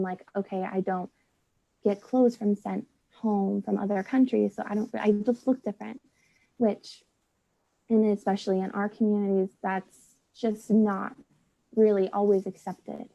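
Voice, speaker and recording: A woman's voice: mid-range voice, level tone, normal speed, vocal fry, dark tone, dull audio. A young woman from the United States talks casually as a guest, chatty and full of "like", acting out quotes as she goes. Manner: chatty, lots of "like", acts out quotes. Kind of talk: casual conversation.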